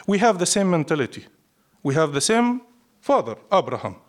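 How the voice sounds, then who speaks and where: His somewhat high-set voice swings widely in pitch as he talks briskly with a Syrian Arabic accent, Arabic being his native language. Interviewed live as a poet, he reflects and declares, stacking up short, repeated, emphatic phrases as he tells his story.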